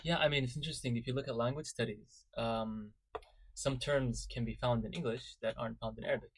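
A man from Kuwait speaking in a measured, explanatory way in a casual group conversation. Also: mid-range voice, steady tone, breathy edge. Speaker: discussion panelist.

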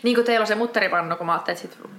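A young woman co-hosting a podcast in casual chat, lively, laughing often and swearing heavily. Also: mid-range voice. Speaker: podcast co-host.

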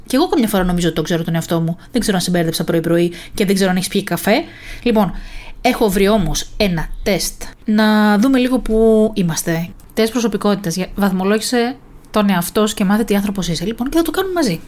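A woman's voice: medium pitch, darkish tone. A young woman hosting a casual solo podcast, chatty and self-mocking as she talks straight to the listener. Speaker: podcast host.

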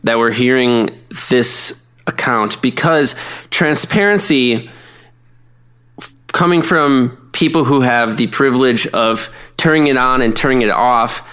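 Male podcast co-host, articulate and measured, mid-range voice. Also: mid-range voice, a bit bright, clean tone. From Minnesota, USA. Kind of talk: casual conversation.

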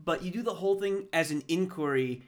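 A man co-hosting a movie podcast in casual chat, excitable and ranting, swearing freely. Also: a little high, a little fast. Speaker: podcast co-host.

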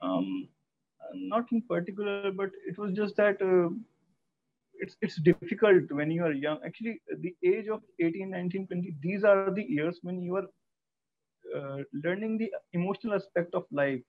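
A young man with a North Indian accent giving a personal account in an interview, speaking haltingly with frequent restarts. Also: high voice, lively intonation. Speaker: interview guest, cancer survivor. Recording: thin, phone-like call audio.

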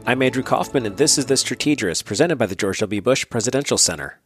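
A man's voice: medium pitch, lively intonation, fast talker, loud music behind the voice. A man hosting a podcast interview, reading a scripted intro and then chatting with his guests, often restarting his words when he talks off the cuff. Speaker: podcast host.

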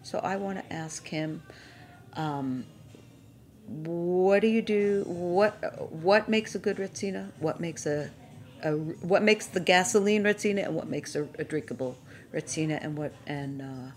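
A woman's voice: on the low side, unhurried. A woman who is a cake designer, chatting as a guest on a radio show in a playful, enthusiastic way. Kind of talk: casual radio interview chat.

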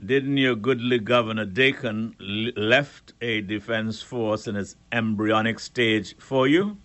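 A man hosting a call-in radio show, speaking in a measured way with frequent pauses and fillers. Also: fairly low pitch, a bit bright.

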